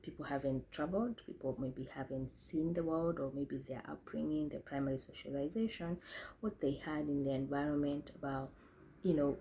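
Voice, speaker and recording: Her deep, warm voice holds a steady tone at a moderate pace as this young Kenyan woman reflects on her own experiences to camera, restarting sentences and self-correcting along the way. It's a rough recording with a little hiss or hum.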